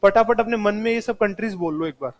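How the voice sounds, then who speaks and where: High-voiced man teaching a class. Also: quick pace. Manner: talks straight to students, mixes in English terms. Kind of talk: classroom lecture. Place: classroom with students present.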